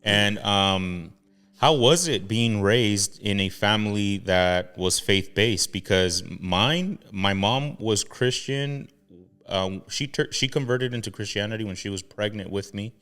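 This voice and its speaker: A man's voice: on the low side, unhurried, a bit bright, smooth. A man hosting a casual interview, calling his guest bro and slipping into Spanish. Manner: casual, says bro a lot, mixes in Spanish. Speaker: podcast host.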